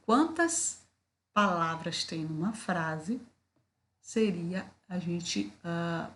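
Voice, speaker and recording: Woman teacher, low-ish voice, unhurried explanatory delivery with many fillers and questions to the viewer. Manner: slow, deliberate, with frequent fillers and rhetorical questions. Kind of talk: recorded video lesson.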